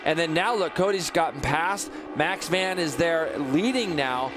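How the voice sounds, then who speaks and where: A man giving live motorsport commentary as the race analyst, excitable and explanatory. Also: on the high side, a little slow, background noise.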